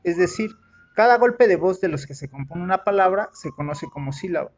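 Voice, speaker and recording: A man's voice: sits high, lively intonation, fairly quick, muffled recording. A man teaching in a methodical, explanatory way, with occasional slips and self-corrections. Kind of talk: recorded lesson explanation.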